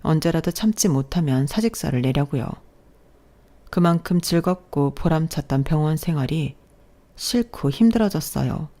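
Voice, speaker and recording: A woman narrating a first-person story in a calm, plain scripted reading. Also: deep voice.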